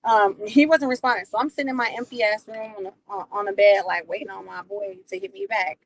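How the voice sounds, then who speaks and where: A woman hosting a livestream, telling a personal story in a profane, animated way. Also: medium pitch, fast, rough recording. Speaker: livestream host. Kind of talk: casual storytelling.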